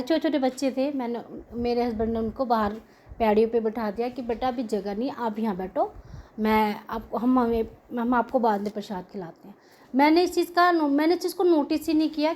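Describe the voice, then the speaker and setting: A middle-aged woman gives a devotional testimony to her fellow devotees. She speaks earnestly and warmly, with deep gratitude in her telling. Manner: earnest, grateful, heartfelt storytelling. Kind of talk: devotional testimony to a prayer group.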